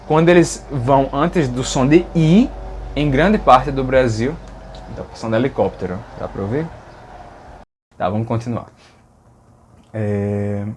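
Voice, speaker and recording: A man from Brazil teaches linguistics casually, his Brazilian Portuguese accent audible as he patiently says speech sounds repeatedly to demonstrate them. His voice is mid-range, and the recording carries a little hiss or hum.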